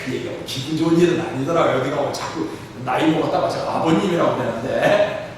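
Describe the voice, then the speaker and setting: A man in his sixties preaching a sermon as church leader, animated and full of rhetorical questions. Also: fairly high pitch, fast talker. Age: 60s. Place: church hall. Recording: echoey hall, distant mic, faint noise.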